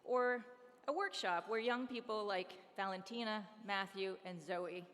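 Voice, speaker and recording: A woman hosting a fundraising dinner, briskly calling auction bids and coaxing donations in an upbeat, persuasive way. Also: mid-range voice, fairly bright tone. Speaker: charity auctioneer and fundraiser host. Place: large hall at an awards dinner. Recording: long reverb hall, faint room noise.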